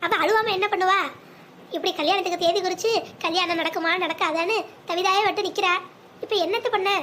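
A devoted cartoon mother, anxious yet tender, coaxing her child with endearments, voiced by a woman. Her voice is very high and brisk. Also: fairly even intonation, sharp tone, a little hiss or hum. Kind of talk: animated family drama voicing.

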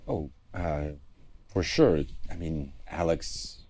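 An actor playing an analytical interview guest in a mock documentary, speaking in measured, halting phrases with an ominous turn. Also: male voice, very deep voice, a little mellow, exaggerated voice. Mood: grave, reflective. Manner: measured, speculative, pausing between phrases.

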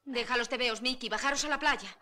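Woman acting a high-pitched, exasperated wife. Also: fast, very noisy, close to an everyday voice. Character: exasperated, suspicious young wife. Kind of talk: film comedy acting.

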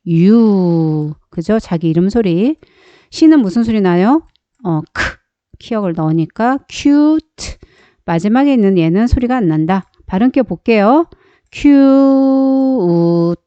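A woman teaches a beginner phonics lesson at a slow, careful pace, asking a question and then answering it herself. Her voice is mellow and smooth. The recording is dry and a little dull. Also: mid-range voice, dry recording.

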